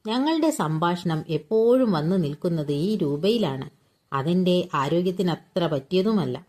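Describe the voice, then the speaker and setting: Low, mellow woman reading a story. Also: expressive, a little slow. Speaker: story reader. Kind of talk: reading a short story aloud.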